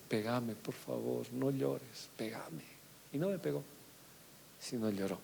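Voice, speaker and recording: A middle-aged man preaching a confessional, emotional sermon that swings from loud to hushed. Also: medium pitch, creaky, a little hiss or hum.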